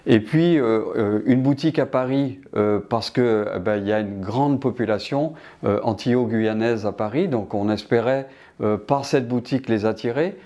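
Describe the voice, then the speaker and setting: A man's voice: mid-range voice, normal speed, mellow, lo-fi sound. An older man from Martinique answering interview questions about his business, hesitant with many restarts.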